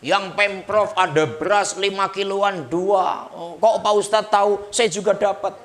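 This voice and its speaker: Bright-voiced joking male preacher. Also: high voice, fairly even intonation, unhurried, slight background noise. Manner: joking, chatty, addresses listeners directly. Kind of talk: humorous sermon to a women's gathering.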